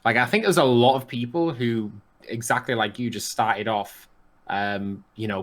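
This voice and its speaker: A man's voice: on the low side, fairly bright tone. A man co-hosting a podcast with casual banter and a playful, teasing way of talking. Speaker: podcast co-host.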